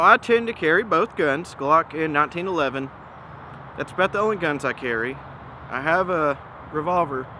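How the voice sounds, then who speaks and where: A man giving a casual, easygoing product comparison as a presenter, speaking in an informal, measured and opinionated way. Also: on the high side. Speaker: gun reviewer and presenter. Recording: noisy outdoor recording with ambient hum.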